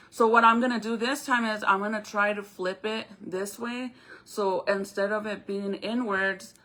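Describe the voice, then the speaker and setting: A woman hosts a casual crafting live stream with a bright, crisp-edged voice at an average pitch. She talks with a retainer in her mouth, explaining steps informally and addressing viewers directly.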